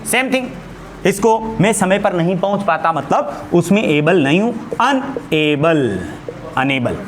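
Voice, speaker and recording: A man with an Indian accent teaching spoken English in Hindi, explaining slowly and repeating words one by one. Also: high voice, lively intonation, slight background noise.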